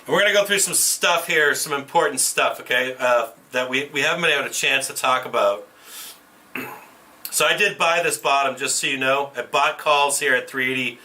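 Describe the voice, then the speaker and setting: A man's voice: medium pitch, bright, forceful tone, far from the mic. Man on a tinny tin-can camera mic. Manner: profane, blunt, restarts often. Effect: tinny tin-can sound from a camera mic. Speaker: livestream trading host. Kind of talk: casual livestream chat.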